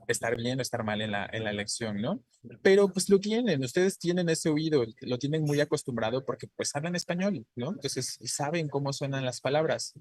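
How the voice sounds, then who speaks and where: A man's voice: medium pitch, dry recording. A man teaching a grammar class, explaining patiently and often checking in with his students with short tag questions. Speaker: Spanish teacher. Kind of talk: online class lecture.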